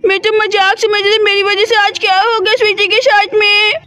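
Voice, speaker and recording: A woman's voice: very high voice, little pitch movement, moderate pace, sharp tone, no echo. A woman voicing a mischievous young girl with a teasing, mocking way of talking. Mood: worried.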